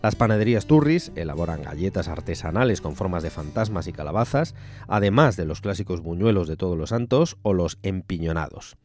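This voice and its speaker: Low-voiced man reading listings. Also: animated, a little fast, a little mellow, faint music behind. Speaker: radio cultural agenda presenter. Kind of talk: scripted news reading.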